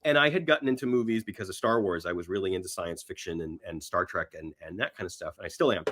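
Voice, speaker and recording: This middle-aged man, a podcast guest, chats casually about films in a low, fast voice over background noise. He's enthusiastic and rambling, often repeating his own phrases.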